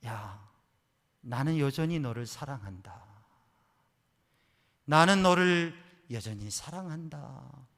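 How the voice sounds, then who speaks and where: A man's voice: mid-range voice, animated, slow, pauses often, a bit bright, long reverb tail. A man voicing God as a tender, reassuring presence who repeats his words with emphasis.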